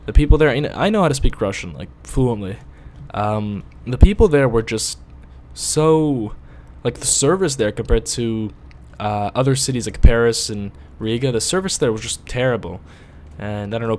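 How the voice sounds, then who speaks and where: A man's voice: medium pitch, a little mellow. Rambling, cursing gamer man, Latvian native. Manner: rambling, swears, bursts out at driving mishaps. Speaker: gaming video host. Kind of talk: casual gameplay commentary.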